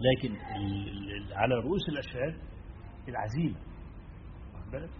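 A man with an Egyptian accent preaching a sermon, turning from emphatic stress to quiet asides and checking in with his listeners. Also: on the low side, animated, fast talker. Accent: Egyptian Arabic. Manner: swings between emphatic and hushed, asks listeners "right?". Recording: dull lo-fi recording with faint noise.

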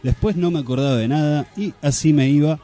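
Radio host, man, rioplatense accent, mellow and a bit high voice, casual studio banter, faint music behind. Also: a little fast. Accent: Rioplatense Spanish. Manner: rambling, playful, jokey asides.

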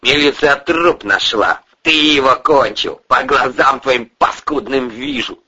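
A man voicing a bullying middle-aged male oligarch who barks insults and shouts, on an audiobook. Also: medium pitch, big pitch swings, slow, breathy edge, highs cut off, voice pushed up, heavily acted. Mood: bellowing. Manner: barking, scornful, shouting insults.

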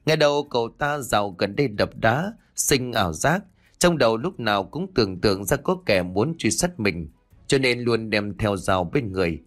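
A man's voice: medium pitch, a bit bright. A man narrating a horror story in a grave, dramatic storytelling manner.

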